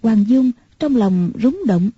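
A woman narrating a martial-arts novel in a steady, measured way. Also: fairly high pitch, breathy edge, no echo. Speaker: audiobook narrator. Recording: muffled lo-fi recording.

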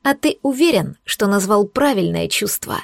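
A woman voicing a defiant young maid who is sharp-tongued and mocking, scoffing in a raised voice. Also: medium pitch, lively intonation, brisk, vocal fry, no echo, clean studio sound.

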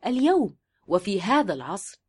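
A woman's voice: medium pitch, big pitch swings, darkish tone, breathy edge. Woman reading aloud in formal tones. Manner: formal, measured recitation with raised stress on quoted verses. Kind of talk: scripted reading of a written text.

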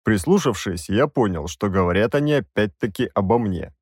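A man's voice: fairly low pitch, expressive, moderate pace, breathy edge, dry recording, clean studio sound. Wry male audiobook narrator. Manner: wry first-person storytelling.

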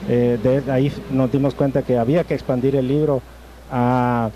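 A man speaks as a guest author, measured and thoughtful, pausing often as he gathers his words. His voice sits in a middle register. Street traffic is clearly audible around him. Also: medium pitch, little pitch movement, mellow, dull audio. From Guatemala. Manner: measured, thoughtful, with frequent hesitations. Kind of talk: interview answers. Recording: noisy outdoor traffic background.

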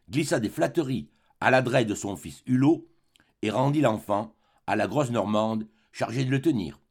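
A male audiobook reader narrating a classic novel. His voice sits mid-range and swings animatedly, giving the telling a lively, expressive feel. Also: medium pitch, breathy edge.

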